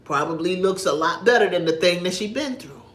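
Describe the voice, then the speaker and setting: A woman, talking casually about faith on a livestream, animated and emphatic like a storyteller. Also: on the low side, a little fast, reverberant. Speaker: livestream host. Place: home livestream in an echoey room.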